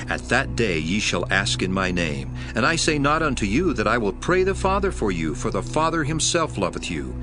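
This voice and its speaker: A man playing Jesus, a solemn, tender teacher, in a dramatized scripture reading with earnest, prayerful delivery. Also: lowish voice. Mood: teaching. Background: background music.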